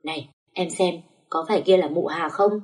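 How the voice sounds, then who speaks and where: A woman's voice: lowish voice, moderate pace, a little mellow, far from the mic, natural voice. A woman voicing an insistent older sister. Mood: hushed.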